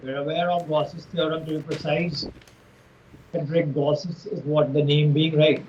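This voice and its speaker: A male physics teacher with an Indian English accent leads an online lesson in formal, winding sentences. His voice sits a little high and comes through a dull, muffled call line with faint hiss. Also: little pitch movement, normal speed, darkish tone. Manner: formal, roundabout phrasing.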